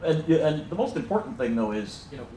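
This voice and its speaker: A middle-aged American man, a program director, gives a chatty, joking welcome speech full of fillers in a large lecture hall, his fairly high, mellow voice swinging widely in pitch at a slightly fast pace. He uses a handheld mic but is filmed from the back, so he sounds distant in the roomy space, with slight background noise.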